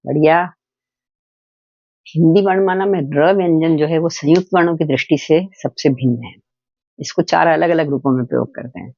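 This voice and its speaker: A man teaching a patient, step-by-step Hindi grammar lesson for children, repeating each example slowly. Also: fairly high pitch, dark tone, no echo. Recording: dull, dry lo-fi recording.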